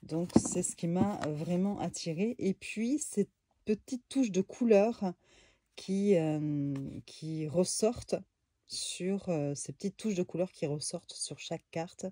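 A woman casually reviewing a tarot deck for her viewers in a room at home, relaxed and chatty, with lots of fillers and small asides. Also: lowish voice, takes it slowly, dry recording, studio quality.

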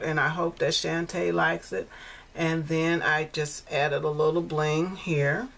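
A woman in her sixties showing her handmade card in a chatty vlog, repeating herself and filling pauses with ums. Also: fairly low pitch, fairly bright tone. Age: 60s. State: coughing, choking on fumes. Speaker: crafting vlogger. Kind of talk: casual show-and-tell vlog.

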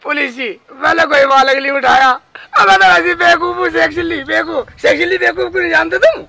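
A man's voice: very high-pitched, fairly quick, gravelly, sharp tone, full character voice. An actor playing Shekhchilli, a foolish bumbling village man who pleads and wails in a whiny, theatrical way, in a comic sketch. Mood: pleading.

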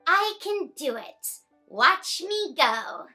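Soft music plays in the background as a young adult story time host reads a picture book to children. Her high, bright voice moves at a slow pace, taking time over every phrase, and she sounds lively and expressive for the very young audience.

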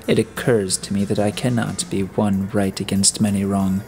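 A man reading the part of a hard-edged, suspicious detective from Earth. He presses with pointed questions and snaps out orders in a low, firm voice. Soft music sits behind. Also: little pitch movement, moderate pace, lightly acted. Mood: commanding suspicious. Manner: blunt, commanding, probing.

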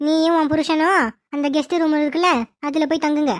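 A woman's voice: sits high, flat delivery, a little fast, dry recording, studio quality, close to an everyday voice. A woman voicing a scheming, bossy mother-in-law in a cartoon, barking orders at her daughter-in-law. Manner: commanding, scolding servants. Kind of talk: cartoon voice acting.

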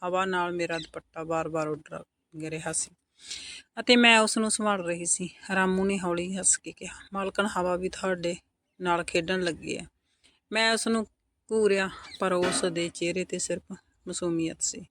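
A woman with a Punjabi accent narrating a first-person story in a soft, intimate scripted delivery. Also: fairly low pitch, fairly even intonation, moderate pace.

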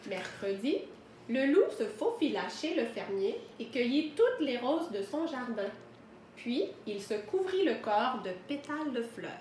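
A woman teacher reading a picture book aloud to children from home, gently explaining words as she goes. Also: on the high side, very animated, measured pace, reverberant, slight background noise.

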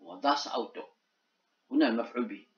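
A man teaching a German grammar lesson, often checking in with a quick "ha?" and saying the example sentences slowly. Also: mid-range voice. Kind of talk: explaining grammar exercises. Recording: dull echoey room.

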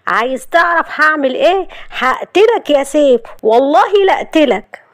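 A woman voicing a furious, heartbroken young wife in Egyptian Arabic, shouting sharp accusations. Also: high voice, quick pace, pitched above the performer's own voice, close to an everyday voice.

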